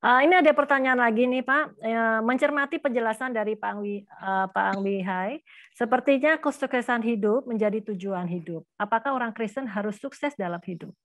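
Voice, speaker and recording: A woman's voice: a little high, a little fast, fairly bright tone, no echo. A woman moderating a webinar, politely thanking the speaker and reading out questions.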